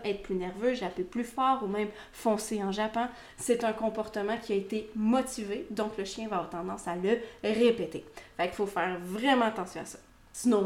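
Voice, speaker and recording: Lively Québécois woman dog trainer. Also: medium pitch. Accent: Québécois French. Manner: lively, keeps checking in with "ok?". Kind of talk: instructional talk to viewers. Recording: roomy echoey room.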